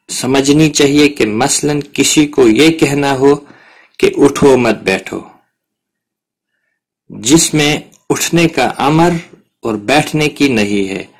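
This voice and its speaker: Male Quran tutor, patient explanatory delivery, mid pitch. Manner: patient, explains step by step with examples. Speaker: Quran tajweed teacher. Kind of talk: explanatory lesson.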